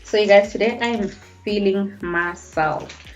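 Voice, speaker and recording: A woman's voice: mid-range voice, measured pace, dull audio, faint music behind. A South African woman chatting casually to camera at home at night during a mukbang, calling her viewers pet names. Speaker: YouTuber.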